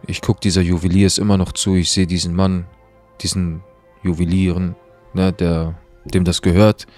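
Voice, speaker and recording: A man's voice: low-pitched, normal speed, faint music behind. Slangy young man telling a story. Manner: slangy, animated, swings between loud and hushed. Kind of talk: casual storytime monologue.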